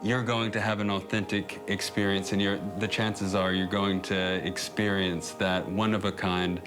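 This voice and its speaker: Music plays under a low, level male voice at a moderate pace. The speaker is an American in his thirties, an immigrant featured in a documentary, who recounts his time abroad with easy enthusiasm and the odd small restart, partly as voice-over and partly as relaxed chat.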